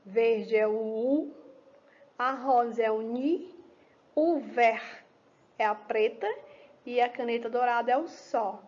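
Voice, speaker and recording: Slow, patient woman teacher, higher voice. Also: a little mellow, highs cut off. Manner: slow, patient, asks and answers own questions. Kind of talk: children's lesson explanation.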